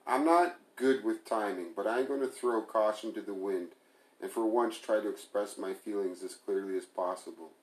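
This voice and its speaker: Man doing a bitter young woman, pleading, pressing, lowish voice, echoey room. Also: moderate pace, lightly acted. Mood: hurt, pressing. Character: hurt, sarcastic young woman confronting her partner. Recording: roomy echo.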